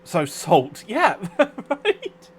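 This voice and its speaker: A man's voice: high-pitched, huge pitch swings, extremely slow, slightly rough. A man chatting casually on a live stream, rambling, swearing freely and reacting to chat comments. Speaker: overclocking livestreamer.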